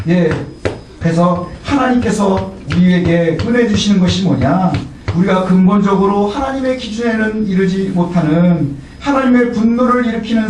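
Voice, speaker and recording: Pastor, man, very high voice, conversational sermon that asks and answers its own questions, very echoey church sound with the mic at a distance. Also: a little mellow, a little hiss or hum. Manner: punctuates phrases with a short "예". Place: church sanctuary.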